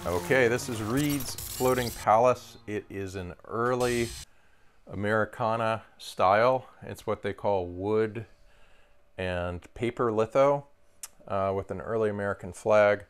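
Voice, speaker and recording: Middle-aged guy showing off old toys, low smooth voice, chatty and excited. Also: unhurried. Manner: chatty, enthusiastic, many fillers. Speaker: antique toy dealer. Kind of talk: casual product walkthrough. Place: indoor showroom with glass display cases.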